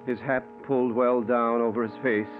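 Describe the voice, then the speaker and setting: Actor as anxious brother, tinny old radio thriller. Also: male voice, mid-range voice, level tone, normal speed, over music, natural voice. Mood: tense narration. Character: anxious, submissive brother of a killer, narrating his story. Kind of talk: old-time radio thriller acting and narration.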